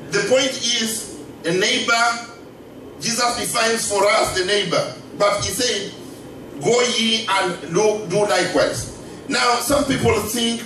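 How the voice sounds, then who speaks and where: A man delivers a sermon with animated energy, reading verses aloud and prompting the congregation to repeat after him. His voice sits high and sounds bright and forceful. It rings through a large, echoey church, picked up from afar with a faint hiss beneath it. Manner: animated, calls for congregation responses, reads scripture aloud. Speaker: guest preacher. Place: church sanctuary. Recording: echoey church room from far off.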